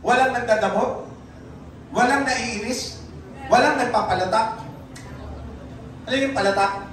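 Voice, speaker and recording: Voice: medium pitch, a little slow, a bit bright, slight background noise. A preacher with a Filipino accent giving a sermon, often turning to the congregation for an amen. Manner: keeps asking the congregation for an amen. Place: church hall. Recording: very echoey room, speaker far from mic.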